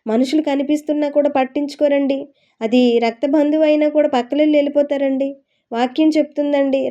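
A woman preacher with a high, soft-edged voice delivers an earnest sermon. She coaxes her listeners and keeps asking them rhetorical questions. The recording sounds slightly muffled and lo-fi.

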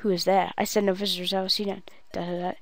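A woman reading out a proud, remorseful old grandfather lord from a game, in a hushed, subdued voice. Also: medium pitch, level tone, fast talker, no room sound, natural voice. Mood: sorrowful. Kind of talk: reading game dialogue aloud.

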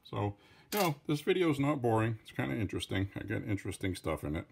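A man's voice: on the low side, very animated, fast talker, vocal fry, breathy edge. A Franco-American man with a French-Canadian accent, giving a casual hands-on tutorial with rambling, defensive asides. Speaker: hobbyist revolver tinkerer.

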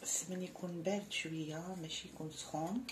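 An Algerian woman with a low voice walks viewers through a traditional recipe in a friendly, chatty way, calling them sisters. A faint hum of room noise sits under her voice. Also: fairly even intonation, fast. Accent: Algerian Arabic. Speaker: cooking channel host. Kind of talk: cooking tutorial.

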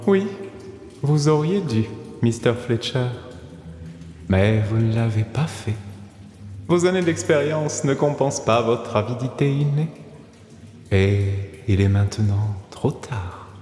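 Cold amused masked wizard, voiced by a man, dark and lively, heavy hall reverb. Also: mid-range voice, slow pace, slight background noise, pitched above the performer's own voice. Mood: mocking menace. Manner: mocking, menacing calm. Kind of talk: audiobook character voice. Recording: heavy echo and long reverb.

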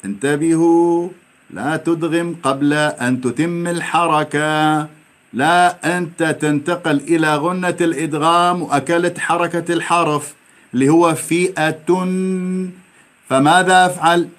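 A man's voice: a little high, fairly even intonation, fairly bright tone. A man from Iraq, teaching a tajweed lesson and stretching out each example he recites. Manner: drawn-out demonstrative recitation of examples between explanations.

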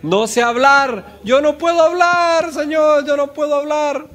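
A man's voice: very high voice, a little slow, fairly bright tone, pitched above the performer's own voice. A preacher voicing a frightened, reluctant old male prophet who pleads and makes excuses. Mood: pleading.

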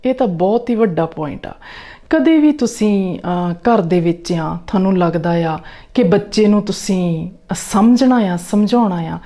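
Woman parenting coach, mellow low-bright tone, warm coaxing delivery with frequent check-ins. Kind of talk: talk to camera giving parenting tips.

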